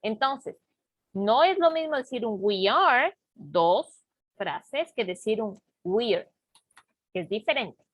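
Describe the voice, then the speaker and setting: Slow, patient woman teaching a class. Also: on the high side, expressive, no echo, muffled recording. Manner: slow, patient explaining with frequent check-ins. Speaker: English teacher. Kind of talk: online class lesson.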